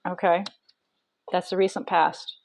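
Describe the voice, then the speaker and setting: A woman with a fairly low voice talks through a tarot reading in a relaxed, chatty way. She thinks aloud, often pausing with ums and restarting her sentences. The sound is close and dry, with no room echo. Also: creaky. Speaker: tarot reader.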